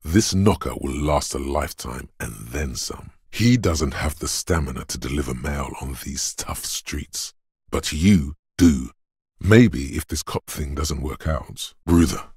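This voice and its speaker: In a video game, a male voice actor plays the grave inner voice of a battered detective's body, his voice extremely low, husky, and heavily gravelly. He delivers the scripted second-person narration in a measured, stoic, exaggerated way, letting each line land deliberately. The studio recording is clean, with no echo.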